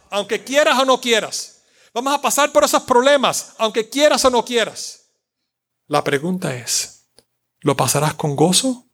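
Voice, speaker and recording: A man's voice: fairly high pitch, a bit bright. A man preaching a sermon in a conversational, joking way, slipping in English words and talking to the congregation.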